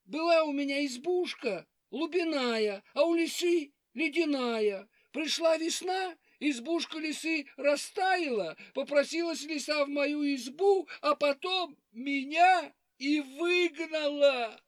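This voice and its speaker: A woman voicing a timid, tearful little male hare who complains in a high, hurried voice. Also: no room sound. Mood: plaintive.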